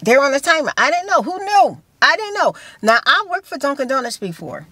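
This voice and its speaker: A woman in her 50s, a vlogger, tells a story to camera during a casual chat from a parked car, gesturing a lot and repeating phrases for emphasis. Her voice is high-pitched and brisk, captured dry with no room sound on a phone camera held close.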